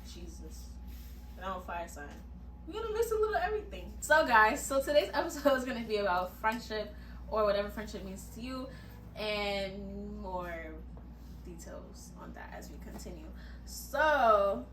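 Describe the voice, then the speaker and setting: A woman's voice: medium pitch, very animated, normal speed, fairly bright tone. A woman in her twenties hosting a casual podcast chat in a playful, teasing way. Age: 20s. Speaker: podcast host. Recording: roomy, distant mic, background noise.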